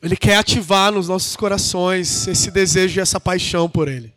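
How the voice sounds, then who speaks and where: Guy preaching super casual, really high voice, slangy and dramatic. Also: fairly quick, a bit bright, soft background music. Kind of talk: informal youth sermon.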